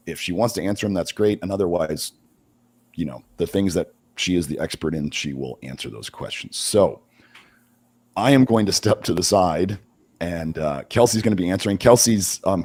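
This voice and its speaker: A middle-aged man hosts a casual livestream, speaking in halting bursts with many restarts. His voice is deep and hoarse with a darkish tone, and there's no echo.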